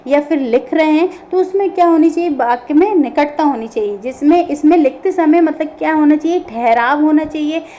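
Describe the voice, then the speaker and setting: A woman's voice: high voice, normal speed, few pauses, dark tone. A woman teaching an online grammar class, explaining step by step and answering her own questions.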